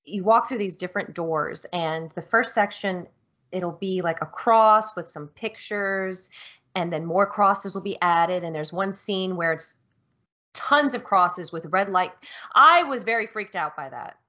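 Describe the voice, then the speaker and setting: A woman co-hosting a casual podcast, lively, describing game scenes and laughing easily. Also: fairly low pitch, measured pace. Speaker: podcast co-host. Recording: dull lo-fi audio.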